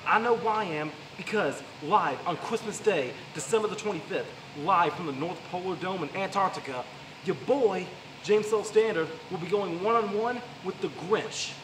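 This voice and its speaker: A man's voice: high-pitched, moderate pace. A young American man delivering a theatrical wrestling promo full of cocky trash talk. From the Carolinas, United States. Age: young adult. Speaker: wrestler persona cutting a promo. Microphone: handheld microphone, filmed by camera. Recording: roomy, distant, clearly noisy sound.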